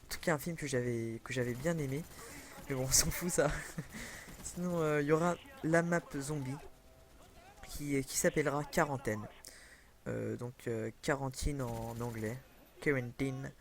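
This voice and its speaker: A man's voice: medium pitch, fairly even intonation, normal speed. A young man commenting casually on a video game over a headset, rambling with many fillers and self-corrections. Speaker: gaming commentator.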